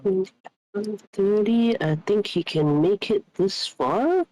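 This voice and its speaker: A man's voice: high voice, animated, slow, a little mellow, poor audio. A man playing in an online tabletop game, easygoing and stumbling over his words. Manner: stammers on restarts, easygoing. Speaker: player. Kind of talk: casual game chat.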